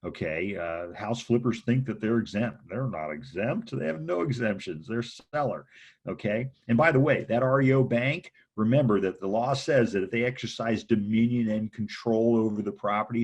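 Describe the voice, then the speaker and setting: A man's voice: fairly low pitch, slightly rough. A man teaching real estate contracts in a casual lecture, often checking in with "okay?" and "right?". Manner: chatty, frequent "okay?" and "right?" check-ins. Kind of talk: informal training lecture.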